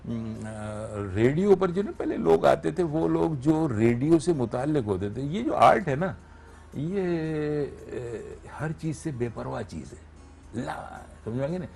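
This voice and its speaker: A man's voice: on the high side, big pitch swings, measured pace, creaky, mellow, faint music behind. A man, a radio voice artist, explaining his craft step by step as a guest on a TV morning show and checking that he is understood. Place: TV studio.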